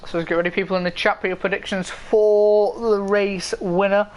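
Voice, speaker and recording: A man's voice: sits high, flat delivery, moderate pace. A man commentating a sim racing league race live, chatty, with fillers and asides to the viewers in chat.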